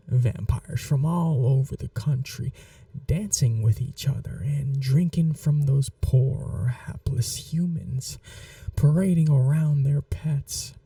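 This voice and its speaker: Far from the mic in a dry recording, a man with a medium-pitched voice voices a possessive, seductive vampire for an ASMR roleplay. He half-whispers softly and breathily, languid and teasing, condescending yet sweet, and possessive throughout.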